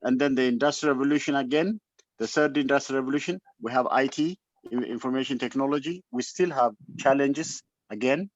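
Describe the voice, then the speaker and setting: This webinar speaker, a man with an Ethiopian accent, talks fairly quickly at medium pitch in an impassioned, off-the-cuff motivational speech. He exhorts forcefully and repeats himself for emphasis. His online call microphone gives dull, lo-fi sound without echo.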